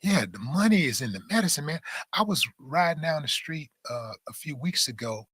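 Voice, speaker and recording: Casting: casual man, slightly high, bright tone. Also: animated, normal speed, breathy edge, no echo, studio quality. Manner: loose, trailing, repeats words. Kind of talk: casual chat.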